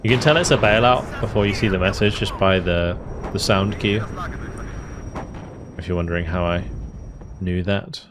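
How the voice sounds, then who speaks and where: A man's voice: low voice, moderate pace, long pauses, noisy background. A man giving casual commentary on a strategy war game, thinking aloud through his tactical decisions. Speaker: gaming video host.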